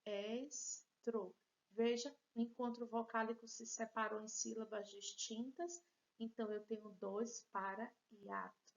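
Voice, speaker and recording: A woman's voice: fairly high pitch, level tone, moderate pace, dull audio. A woman teacher with a Brazilian Portuguese accent, giving a patient, encouraging lesson and joking about her own handwriting. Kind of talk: recorded remote class lesson.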